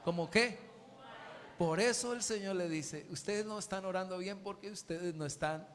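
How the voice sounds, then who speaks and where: High-voiced preacher in a reverberant church. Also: male voice, moderate pace, a little hiss or hum. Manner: questioning the congregation, animated preaching. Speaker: pastor. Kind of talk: sermon.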